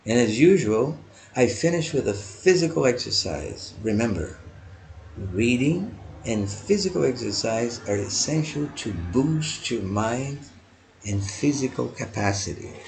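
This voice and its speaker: A man, teaching in a slow, deliberate way and repeating each phrase. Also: mid-range voice, vocal fry, a little hiss or hum. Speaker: language teacher. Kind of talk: multilingual lesson.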